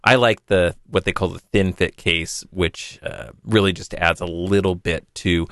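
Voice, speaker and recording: Low smooth guy chatting on a tech podcast, dry close sound. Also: steady tone, measured pace, fairly bright tone, dry recording. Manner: chatty, rambling with restarts. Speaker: podcast host. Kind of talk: casual tech podcast talk.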